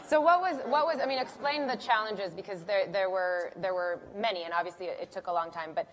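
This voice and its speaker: A woman's voice: medium pitch, brisk, a little hiss or hum. A young woman moderating a stage interview in an upbeat, chatty way. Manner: chatty, upbeat, many fillers and restarts.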